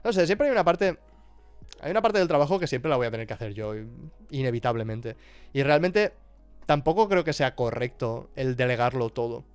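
A man's voice: medium pitch, expressive, a little fast, clean tone, dry recording, soft background music. A man from chatting casually on a live stream about his work, thinking aloud with frequent restarts and asides. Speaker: streamer and YouTuber.

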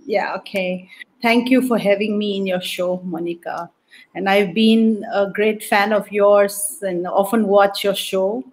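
A middle-aged woman with a Naga accent from northeast India talks as an interview guest. Her pace is slow and unhurried, and she speaks over a video call. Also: mid-range voice, fairly even intonation, darkish tone. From Manipur, northeast India. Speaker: guest, sociology professor. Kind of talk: interview talk. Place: book-lined room at home.

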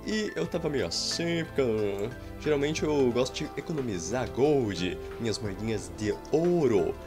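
Faint game music plays behind a young male streamer with a Brazilian Portuguese accent, recorded indoors at home. His commentary rambles playfully, mixing roleplay jokes with abrupt bursts of excitement, delivered at medium pitch and a little slowly.

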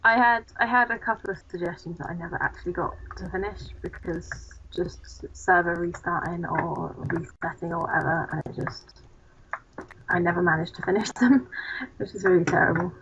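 A woman's voice: fairly low pitch, moderate pace, a crowd in the background. A young woman hosting a co-op game video, chatting in a rambling, giggly, self-mocking way. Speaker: let's play host. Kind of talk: casual co-op gaming chat. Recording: dull lo-fi mic.

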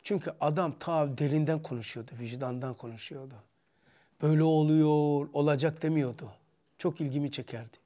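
A man with a slightly higher voice and a Turkish accent delivers a religious lesson. He rises to loud, emphatic preaching, then drops to a softer, storytelling tone when recounting memories. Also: fairly even intonation, fairly quick. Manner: emphatic, rising loud when preaching, soft when telling stories. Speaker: religious teacher.

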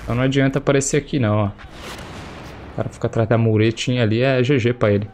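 A young Brazilian man with a cold, his accent Brazilian Portuguese, gives casual gameplay commentary as a streamer over a headset, chatty and slangy and exclaiming at the action. His medium-pitched voice is fast, fairly even in intonation, a little mellow and slightly affected by the illness, with a little hiss or hum and faint game gunfire and explosions behind.

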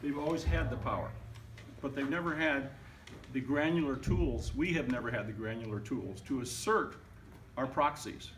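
A man's voice: mid-range voice, normal speed. Older man answering questions at an event. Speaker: speaker at a tech summit. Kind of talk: conversational Q&A answers. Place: dim event room with audience. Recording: distant, noisy event room.

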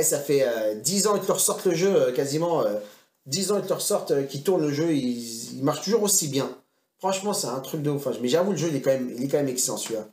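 A man's voice: a little high, darkish tone. A man chatting casually and rambling in slang as he reviews games he has collected. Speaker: retro game collector vlogger. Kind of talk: casual chat. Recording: echoey room.

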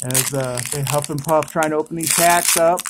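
A vlogger chatting casually indoors while opening trading card packs, with excited exclamations at each good pull. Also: mid-range voice, normal speed, very noisy. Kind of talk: casual unboxing commentary. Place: indoors at home.

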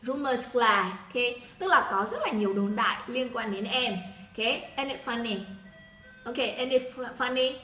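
A woman's voice: fairly high pitch, measured pace, pushed and bright, reverberant, faint music behind. A woman from Vietnam teaching an English pronunciation lesson, repeating words and prompting her learners to say them aloud.

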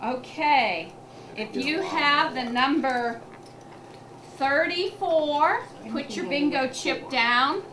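High-pitched woman bingo caller, slow and deliberate. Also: pushed and bright, roomy sound, recorded from a distance. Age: older. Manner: bingo caller's deliberate calling, repeating numbers digit by digit. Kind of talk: calling bingo numbers to a group. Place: community room with tables of players. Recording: noisy room recording with ambient sound.

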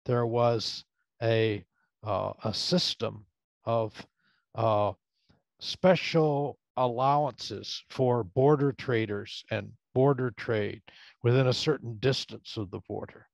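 A male professor in the audience of an online talk asks a conversational question, faltering and full of fillers while the poor connection chops up his voice. His mid-range voice is steady, slow, and touched with vocal fry, captured as dull, dry, lo-fi video call audio.

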